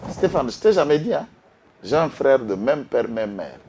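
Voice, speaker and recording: A man's voice: medium pitch, big pitch swings, normal speed, a little mellow, a little hiss or hum. A man from Congo, speaking with passion as a guest on a political talk show and mixing in Lingala. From Congo-Kinshasa. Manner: impassioned, switches between French and Lingala, rises to outbursts.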